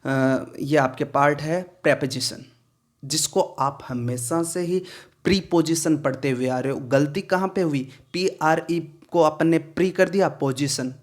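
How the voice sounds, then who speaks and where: Man, pronunciation teacher, slightly high voice, repeats words, checks understanding. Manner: explains slowly, repeats words, asks "clear?" often. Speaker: English teacher. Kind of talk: pronunciation lesson.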